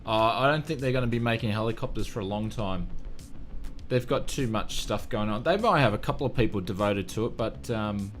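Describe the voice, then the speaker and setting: A man's voice: lowish voice, fairly quick, faint music behind. An Australian man chatting casually on a live flight sim stream, self-mocking and laughing often.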